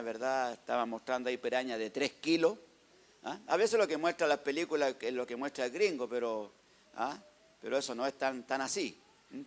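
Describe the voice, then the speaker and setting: A man with a Chilean accent giving a lively church testimony, narrating slides and often calling out to the congregation. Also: medium pitch. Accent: Chilean Spanish. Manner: lively storytelling, tags "hermano" and "¿ah?".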